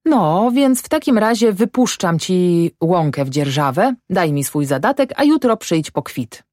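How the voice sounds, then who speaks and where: A woman's voice: on the low side, big pitch swings, unhurried, a little mellow, dry recording, pitched above the performer's own voice. Brief: sly mocking landowner, woman audiobook reader, dry close voice. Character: sly condescending landowning gentleman. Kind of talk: audiobook character voice.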